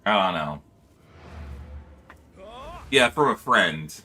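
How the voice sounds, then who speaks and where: Guy streaming a game and chatting w chat, super lively up and down voice, bright tone, laughs a lot, desk mic. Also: slow pace. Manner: animated, laughs often, high-pitched yelps. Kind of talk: casual gaming livestream chat. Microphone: desk microphone.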